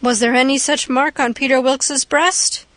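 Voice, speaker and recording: A woman reads a stern old gentleman in a storybook, questioning firmly and deliberately. The voice is high and dry. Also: fairly even intonation, no echo.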